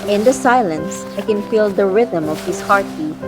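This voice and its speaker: A woman's voice: mid-range voice, normal speed, natural voice. A woman playing a guarded, feisty young woman, narrating an audio drama in the first person and voicing her dialogue. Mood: wistful. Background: background music.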